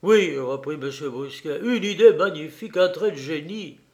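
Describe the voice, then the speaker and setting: A man voicing an excitable, boastful fencing master in an audiobook, loud and theatrical. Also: fairly high pitch, normal speed, natural voice. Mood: eager. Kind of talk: audiobook character voice.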